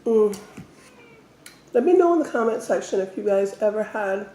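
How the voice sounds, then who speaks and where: A woman telling stories casually as an eating-show host, talking in short phrases with pauses. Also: medium pitch, expressive, warm tone. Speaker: mukbang host. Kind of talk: casual storytelling while eating. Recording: roomy, echoey indoor sound.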